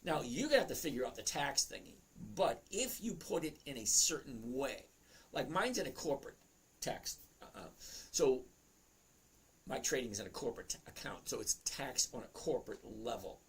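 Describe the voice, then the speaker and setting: A man's voice: mid-range voice, big pitch swings, normal speed, slightly rough. A man, hosting a trading livestream in casual chat, joking and talking to viewers by name. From Boston area. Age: 60s. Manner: chatty, jokey, talks straight to viewers by name.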